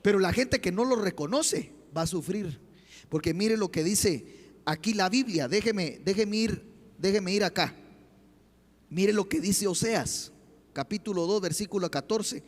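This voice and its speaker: High-voiced preaching pastor in a hall. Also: male voice, measured pace. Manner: impassioned preaching with rhetorical questions. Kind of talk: sermon. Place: church. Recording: long church hall reverb.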